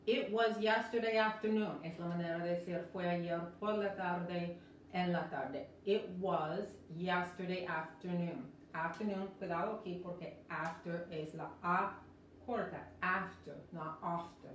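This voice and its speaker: A woman teaching a live-streamed English lesson, explaining slowly and repeating each word several times, with American English when she models words. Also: lowish voice, steady tone, slight background noise. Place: indoor room, live stream. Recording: roomy echo from a distant mic.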